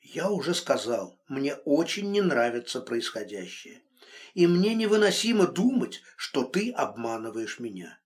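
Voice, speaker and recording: Man doing stern worried friend, brusque, exasperated, animated. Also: mid-range voice, a little slow. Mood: reproachful.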